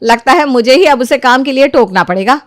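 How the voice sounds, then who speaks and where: A woman voicing a proud, bossy young sister-in-law in a cartoon story, sharp-tongued. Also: sits high, fairly quick, natural voice. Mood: haughty. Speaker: Swati, elder sister-in-law.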